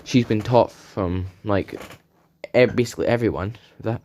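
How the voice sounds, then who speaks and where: A man's voice: lowish voice, moderate pace, creaky, darkish tone, slight background noise. A man casually telling an unscripted fan story, rambling and correcting himself as he goes.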